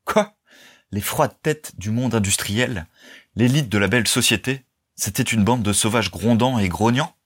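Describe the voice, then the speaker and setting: A man reading a novel aloud as narrator, in a measured, even storytelling manner. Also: on the low side, husky. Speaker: audiobook narrator. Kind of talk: scripted narration.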